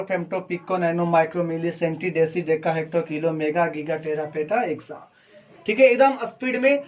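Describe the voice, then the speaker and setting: Coaching teacher at a board, mid-range voice, quizzes the class and supplies the answers, steady lecture pace. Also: mid-range voice. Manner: asks the class questions, then answers them, slow and deliberate. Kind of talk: classroom lecture, explaining physics prefixes and Greek symbols.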